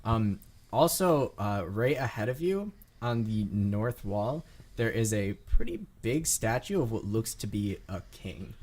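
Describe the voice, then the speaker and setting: A man's voice: on the low side, animated, measured pace, a little mellow. A man running a tabletop game as game master, narrating the scene in a rambling way with many fillers.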